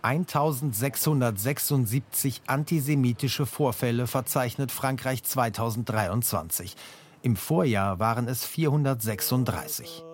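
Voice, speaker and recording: A man narrating a scripted TV news report in a measured, factual manner. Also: medium pitch, a little mellow.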